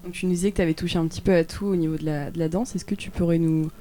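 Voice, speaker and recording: An interviewer who asks brief questions that gently prompt the guest. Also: medium pitch, fairly even intonation, racing.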